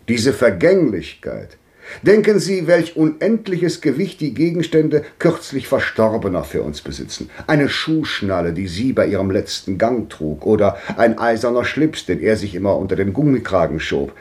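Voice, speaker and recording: In a 1950s radio drama, an actor plays a grandly bitter old man, declaiming with sweeping swings between loud and hushed. His voice sits in the mid-range, and he is older.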